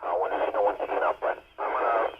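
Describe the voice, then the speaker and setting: A man chatting casually as a radio operator, his voice breaking up and fading in and out over the radio. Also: brisk. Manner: easygoing, laid-back radio lingo. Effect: radio signal breaking up, fading in and out. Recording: lo-fi radio with loud static.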